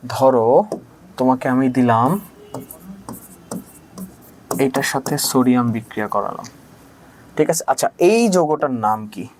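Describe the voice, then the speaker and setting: A man's voice: medium pitch, a little slow, pauses often, darkish tone, slight background noise. A man teaching a chemistry class on video. He chants a memory rhyme, asks questions and answers them himself, and keeps checking "okay?". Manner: casual, mixes in English words and keeps asking "ঠিক আছে?". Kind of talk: recorded video lecture.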